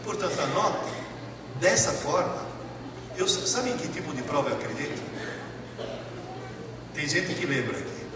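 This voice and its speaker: A man giving a talk on learning to a live audience, humorous and animated, often putting questions to the listeners. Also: a little high, normal speed, pauses often, crowd noise. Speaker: speaker at an education talk. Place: large hall. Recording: echoey hall, distant mic, noisy.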